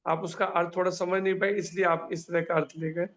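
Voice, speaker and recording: A man's voice: sits high, little pitch movement, brisk, a bit bright. A man teaching a scripture class over a video call, answering questions and explaining with examples and little stories. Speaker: spiritual teacher.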